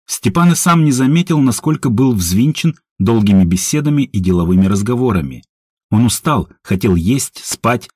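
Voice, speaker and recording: Brief: lively male narrator, husky voice, dry close sound. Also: fairly low pitch, no room sound. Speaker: audiobook narrator. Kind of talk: scripted narration.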